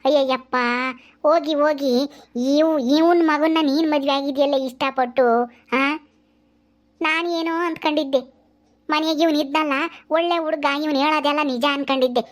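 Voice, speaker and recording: A woman's voice: sits high, fairly even intonation, normal speed, pauses often, close to an everyday voice. A woman playing a scolding middle-aged village mother. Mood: disgusted. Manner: scolding, exclaiming often.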